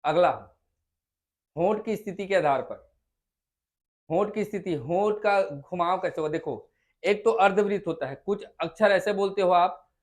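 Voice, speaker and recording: A man's voice: high-pitched, normal speed, pauses often. A man with a Chhattisgarh Hindi accent teaching a classroom lesson, coaxing his students and sounding out vowels again and again to check they follow. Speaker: Hindi tutor.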